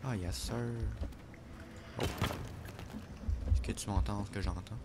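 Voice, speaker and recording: A man's voice: on the low side, steady tone, measured pace, noisy background. A man, chatting playfully during a game, with mock-formal asides. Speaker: gamer co-host. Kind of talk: casual gameplay chat.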